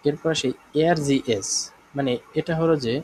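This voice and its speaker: A man with a Bangladeshi Bengali accent teaching a live online German class, explaining slowly, repeating himself and often checking that students follow. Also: mid-range voice, a little mellow, husky, rough recording.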